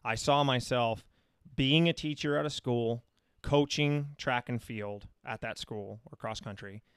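A man's voice: medium pitch, measured pace, clean tone, dry recording, clean studio sound. An American man in his thirties talking casually and at length, telling anecdotes as an interview guest. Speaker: interview guest, running coach. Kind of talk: casual chat.

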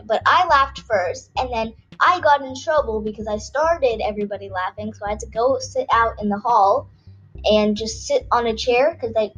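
A young woman spinning a personal story in a casual, rambling way, with plenty of filler words. Her voice sits fairly high. Faint music plays underneath. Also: fairly bright tone, slightly rough, dull audio. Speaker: podcast storyteller.

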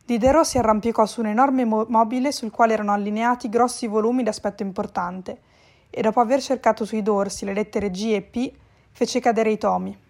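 A woman narrating a storybook chapter in a clear, even reading voice. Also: on the high side, brisk. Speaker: audiobook reader.

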